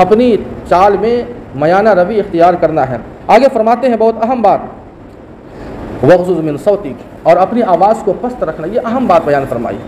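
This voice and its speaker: Man, mufti preacher, Friday sermon, emphatic repetition, quick Arabic recitation, raised pitch. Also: a little mellow, slight background noise. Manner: emphatic, repeats key phrases, recites Arabic verses quickly.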